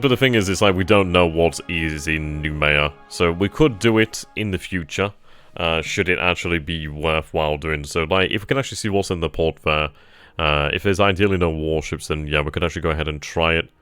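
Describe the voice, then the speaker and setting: Providing live commentary on a strategy game, the channel's host talks through his moves and fields questions from chat in a relaxed manner. He has a low-pitched, smooth voice with a fairly bright tone, and there's no room sound.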